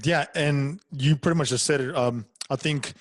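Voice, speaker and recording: A man's voice: a little high, moderate pace, dry recording. Chatty male podcast host. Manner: friendly, hesitant, many fillers. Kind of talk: podcast interview.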